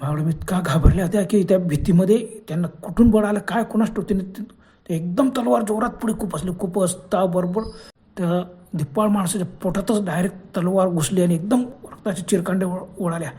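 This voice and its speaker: A man's voice: high voice, fairly quick, dark tone. A man telling a horror story as its narrator, in a dramatic, suspenseful way.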